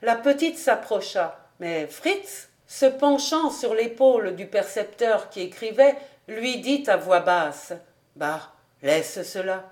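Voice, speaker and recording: A woman reading a classic novel aloud as an audiobook narrator, steady and clear. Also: fairly high pitch, takes it slowly. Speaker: audiobook reader.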